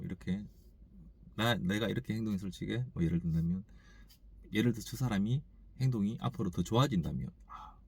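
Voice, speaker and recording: A man who runs a store, talking through a reflective morning monologue, halting and thinking aloud with many restarts, growing emphatic when he makes his point. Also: on the low side, darkish tone, husky. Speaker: store owner.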